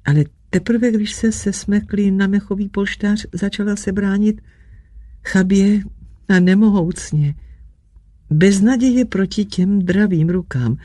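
An audiobook narrator reads a literary novel in a calm, measured voice. The tone is husky and a little breathy, recorded close and dry. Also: medium pitch, dry recording.

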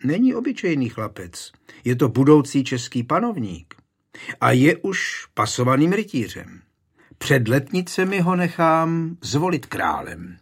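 A man with a husky voice reading the lines of an aging medieval king who is stern but affectionate with his wife. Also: mid-range voice, sing-song. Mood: reasoning.

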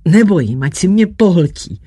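A reader voicing a young man torn by forbidden love, speaking low, hushed and urgent in an audiobook. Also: big pitch swings, breathy edge, dry recording, clean studio sound, heavily acted. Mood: desperate. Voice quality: low, dark tone. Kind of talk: audiobook reading.

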